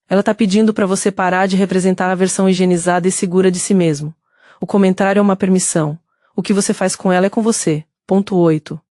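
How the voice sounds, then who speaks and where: A woman with a Brazilian Portuguese accent giving steady scripted narration that speaks directly to the listener. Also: on the low side, dry recording, clean studio sound.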